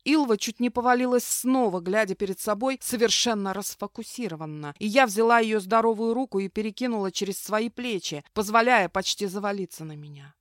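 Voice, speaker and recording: A woman's voice: medium pitch, fairly quick, hardly any pauses, dry recording. Woman audiobook narrator, first-person fantasy, fierce vivid reading, dry close sound.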